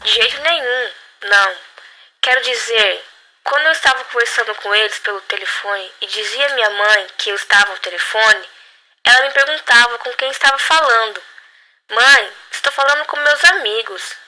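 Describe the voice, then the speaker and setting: Uma mulher dando seu testemunho pessoal numa entrevista, contando com seriedade as dificuldades que viveu. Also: female voice, fairly high pitch, fairly quick, bright, forceful tone, poor audio. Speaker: guest. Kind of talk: personal testimony in interview.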